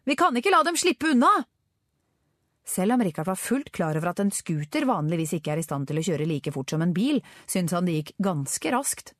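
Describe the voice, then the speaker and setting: A woman narrates a children's adventure with an expressive, storytelling delivery. Her pitch rises and falls widely around a slightly low center. The recording is dry and close. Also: few pauses, dry recording. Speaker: audiobook narrator. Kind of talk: scripted narration.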